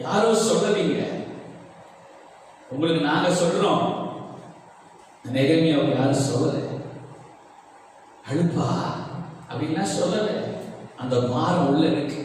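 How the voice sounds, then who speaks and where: A man's voice: on the high side, slight background noise. A man pastor preaching an impassioned sermon, firing rhetorical questions at his congregation. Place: large church hall. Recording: echoey church hall recording from far off.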